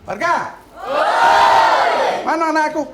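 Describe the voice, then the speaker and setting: A young woman with a Palembang accent playing a loud, scolding parent searching for their children in a comedy sketch. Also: high-pitched, slow pace, roomy sound, a loud crowd. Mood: frantic. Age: young adult. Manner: shouty, scolding, laughing. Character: loud fussy parent looking for their kids. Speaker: student actor in a TV comedy sketch. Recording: stage with loud audience noise.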